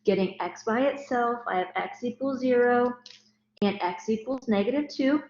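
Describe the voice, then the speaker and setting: A woman's voice: fairly high pitch, normal speed, a little mellow. A woman teaching math in a recorded lecture, explaining each step. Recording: roomy, dull lo-fi recording.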